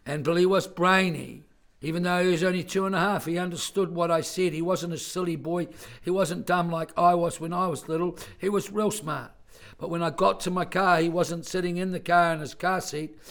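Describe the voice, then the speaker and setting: An older man tells children a story from his own family. His worn-out voice is gravelly and sits a little high for a man. He talks plainly and earnestly, backing up to correct himself as he goes. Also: steady tone, moderate pace, a bit bright. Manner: plain-spoken, earnest, rambling with self-corrections. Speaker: storyteller visiting a school class. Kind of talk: personal story told to children.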